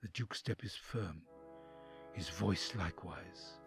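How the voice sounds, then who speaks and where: A male actor with a low, slow voice narrates an audio drama as a count's anguished envoy, torn by conscience. His delivery is expressive, literary and introspective, with a tense, watchful mood and music in the background.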